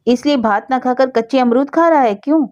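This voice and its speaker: A woman's voice: sits high, a little fast, a little mellow, muffled recording, pitched above the performer's own voice, lightly acted. A woman voicing a young sister-in-law who is tired and exasperated. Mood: stern. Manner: exasperated, scolding.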